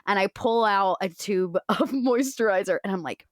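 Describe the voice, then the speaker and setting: A woman's voice: mid-range voice, moderate pace, dry recording, studio quality. A woman playing a tabletop game, chatty and upbeat in casual play. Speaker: player.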